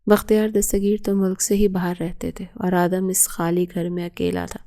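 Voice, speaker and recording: A woman narrating a romantic audio novel with a steady storytelling read. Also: fairly low pitch.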